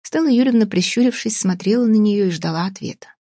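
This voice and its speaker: A woman narrating a novel aloud in a lively, expressive storytelling manner. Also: mid-range voice, fast talker, no echo, studio quality. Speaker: audiobook narrator.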